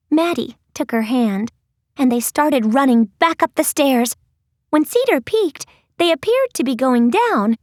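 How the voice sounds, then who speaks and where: A woman reads a children's fantasy audiobook with a high, lively voice that swoops all over. She takes a slow, playful storytelling pace. The recording is dry and close-miked. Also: dry recording. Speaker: audiobook narrator. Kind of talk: expressive audiobook narration.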